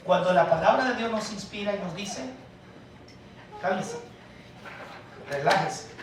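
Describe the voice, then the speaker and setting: A male pastor preaches with emphatic stresses that drop to quiet asides, addressing his listeners as brothers. His voice rings through a very echoey church hall, picked up from well away from the mic, with a faint hum of room noise behind. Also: sits high, a little fast, recorded from a distance. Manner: emphatic, swings from soft asides to loud stresses. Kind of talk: preaching a sermon.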